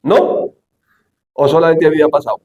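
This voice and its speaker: Animated high-voiced male preacher. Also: a little fast, reverberant, muffled recording. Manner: animated preaching, dramatic voices for quoted speech, rhetorical questions. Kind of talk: sermon.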